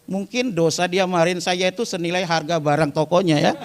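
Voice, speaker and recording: A man's voice: high-pitched, fairly even intonation, fairly quick, long reverb tail, noisy background. A man, giving a humorous religious talk to a live congregation and telling stories while addressing the listeners directly. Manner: chatty storytelling, often addressing the listeners directly. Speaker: Islamic preacher. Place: weekly study gathering before a live audience.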